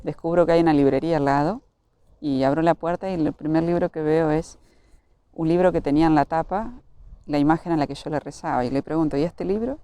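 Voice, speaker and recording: A man's voice: on the high side, fairly even intonation, fairly quick, warm tone, smooth, dry recording. A young man, a priest with an Argentine accent, telling his life story in an interview and acting out the dialogue he remembers. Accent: Argentine Spanish. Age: young adult. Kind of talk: personal testimony in an interview.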